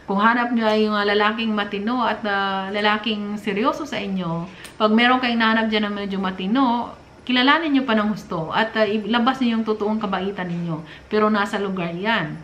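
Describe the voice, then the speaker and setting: A woman's voice: mid-range voice, a little fast, fairly bright tone, muffled recording. A middle-aged woman from the Philippines giving casual relationship advice in a chatty, preachy manner, with frequent fillers and little laughs. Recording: roomy room with faint noise.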